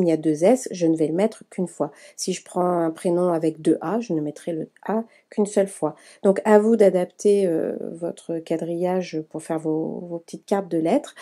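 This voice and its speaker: A woman calmly explaining a hands-on learning activity to parents, speaking directly to them in a patient tutorial style. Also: lowish voice, slightly rough. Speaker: early-learning educator.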